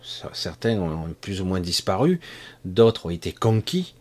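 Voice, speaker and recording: Talking directly to his audience, a man from France rambles conversationally about energy healing, restarting and wandering into asides. His voice is on the low side, creaky and darkish, with a breathy edge.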